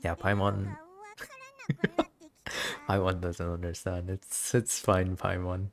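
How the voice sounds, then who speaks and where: Speaking slowly in an extremely low voice whose pitch swoops wildly, a woman streams a game with chatty, giggly commentary and reads the dialogue out loud.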